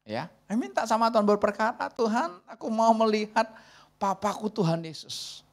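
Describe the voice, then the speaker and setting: A woman in her forties, a pastor giving a lively sermon in a conversational, way, acting out quoted dialogue. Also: fairly high pitch, moderate pace. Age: 40s.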